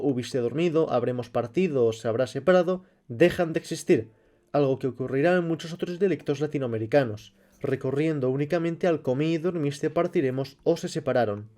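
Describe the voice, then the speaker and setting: A man, reading a scripted explanation at a measured pace. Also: medium pitch, mellow. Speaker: channel host. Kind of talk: scripted narration.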